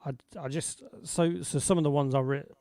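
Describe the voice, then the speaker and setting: A man hosting a casual online music chat, talking softly and haltingly with many ums and restarts, over a home video call. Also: fairly high pitch, steady tone, no room sound. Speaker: host and singer-songwriter. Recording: loud guitar music behind.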